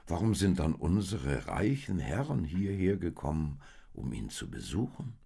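A man reading a story aloud, voicing a group of curious, slow camels in a wondering tone. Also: extremely low pitch, wildly swooping pitch, creaky, warm tone, husky, full character voice. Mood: puzzled.

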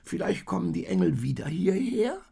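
A man voicing a contrary, matter-of-fact sheep in a storybook reading, speaking high and loud. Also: huge pitch swings, moderate pace, vocal fry, husky, heavily acted. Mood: wondering.

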